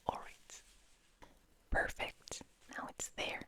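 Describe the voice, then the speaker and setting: An ASMR host, a woman, speaks in a breathy whisper with a soft, soothing, unhurried manner.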